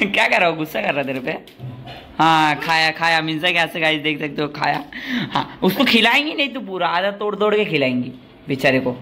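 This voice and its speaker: A man, vlogging casually to his viewers in an excitable, chatty way with frequent laughter. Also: fairly high pitch, moderate pace, slight background noise. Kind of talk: casual vlog narration to viewers.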